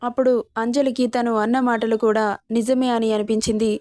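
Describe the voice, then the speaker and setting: A woman tells a dramatic serial story, reading every character's lines in one steady voice. Her voice sits a little high and barely rises or falls. It is recorded close up with no room sound. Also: a little fast, dry recording. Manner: voices all characters in the same even reading voice.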